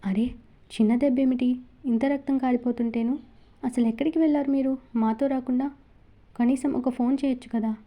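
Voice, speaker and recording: A woman's voice: a little high, fairly even intonation, brisk, dark tone, close to an everyday voice. A woman voicing a doting young wife who frets and scolds her husband. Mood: worried. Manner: anxious, scolding.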